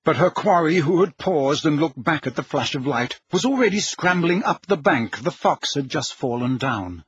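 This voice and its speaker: A man narrating an audiobook in a measured, dramatic storytelling manner with a husky voice. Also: on the high side, expressive, a bit bright, dry recording. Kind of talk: scripted narration. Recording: dull lo-fi recording.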